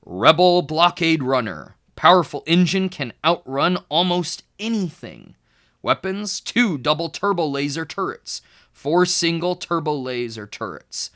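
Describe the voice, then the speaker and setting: A man with a fairly high-pitched voice reads a children's book like a tutor. He narrates expressively for teaching purposes, using deliberate phrasing and highlighting key words.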